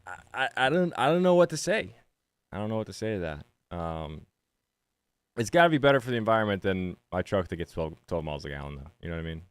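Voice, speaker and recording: A man co-hosting a sports betting podcast, laid-back and giggly, with a halting delivery. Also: on the low side, sing-song, clear, resonant tone, no room sound. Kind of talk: casual podcast talk about bets.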